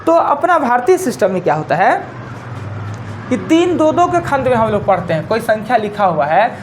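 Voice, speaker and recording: A woman teacher with a Bihari Hindi accent lectures a live class in a fairly high voice. She counts digits aloud one by one and repeats each rule as she goes. A faint room hum sits behind her. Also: very animated, moderate pace. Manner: explains step by step, counting digits aloud and repeating key points.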